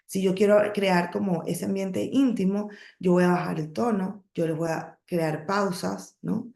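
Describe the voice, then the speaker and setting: A woman giving a training talk on public speaking, coaching her listeners with emphatic points, pauses and self-corrections. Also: on the low side, steady tone, gravelly, dark tone, reverberant. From emigrated to the United States, lives in Texas. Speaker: network marketing trainer.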